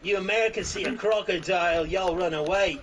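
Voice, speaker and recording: A man voicing a cocky, crude outback Australian man in loud, exaggerated mock bluster full of 'crikey' and 'mate'. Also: high-pitched, a little fast, over a noisy crowd. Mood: boastful.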